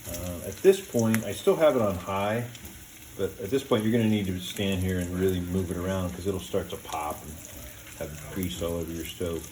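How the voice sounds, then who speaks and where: A man hosting a casual cooking video in a home kitchen, talking step by step in a relaxed, plain way with many "uh"s and "um"s. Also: deep voice, normal speed, slight background noise. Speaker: home cooking show host.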